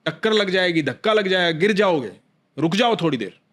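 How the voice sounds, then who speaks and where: A man voicing a young cowherd boy who calls out in a high, sing-song way. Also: lively intonation, brisk, fairly bright tone. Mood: coaxing.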